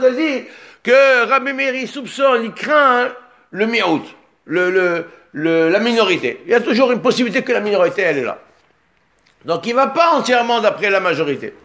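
High-pitched man teaching an animated Torah lesson. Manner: animated, rising to emphatic exclamations, quoting Hebrew sources. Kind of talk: Torah lesson mixing French and Hebrew.

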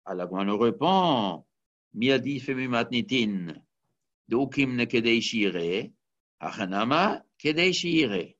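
A man's voice: mid-range voice, lively intonation, takes it slowly, a bit bright. A man teaching a Talmud study lesson, explaining step by step and weaving Hebrew and Aramaic terms into his talk. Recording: dull lo-fi recording.

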